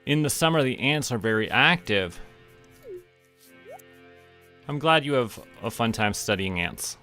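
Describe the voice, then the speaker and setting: Soft background music plays under a Canadian man casually chatting on a game livestream, speaking to viewers and to himself. His mid-range voice has lively intonation, a sharp tone and a measured pace.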